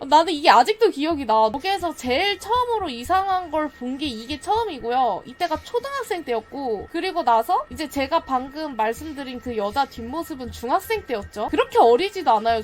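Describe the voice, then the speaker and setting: High, lively woman telling a ghost story. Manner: animated, acts out quotes and sound effects. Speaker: streamer. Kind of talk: casual storytelling of a scary true story.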